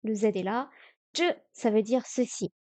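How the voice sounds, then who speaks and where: A woman streaming herself studying Chinese, sounding out words slowly and correcting herself aloud. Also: fairly high pitch, warm tone. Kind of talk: live-stream study session.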